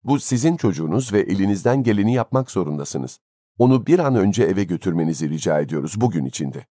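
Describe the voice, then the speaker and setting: A man's voice: low-pitched, big pitch swings, fast talker, dark tone, dry recording, clean studio sound. A man voicing a stern, disdainful woman nurse who speaks coldly. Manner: cold, stern.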